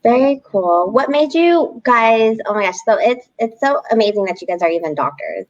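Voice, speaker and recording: A woman's voice: a little high, animated, normal speed, dry recording, lo-fi sound. A woman co-hosting an interview who reacts to her guests in a gushing, admiring way and asks them follow-up questions. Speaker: podcast co-host.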